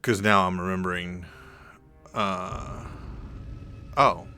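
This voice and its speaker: A young man narrates his gameplay in a low, deep voice. He speaks slowly and rambles, pausing and correcting himself as he goes. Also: fairly even intonation, pushed and bright, clean tone, soft background music. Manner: rambling, drawn-out, self-correcting. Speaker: let's play gamer. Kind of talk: casual gameplay commentary.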